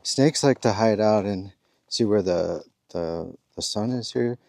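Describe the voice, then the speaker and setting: A man's voice: fairly low pitch, a little slow, creaky, darkish tone, dry recording. A man vlogging casually while walking a forest trail outdoors, rambling easygoing talk with chuckles. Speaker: thru-hiker vlogger.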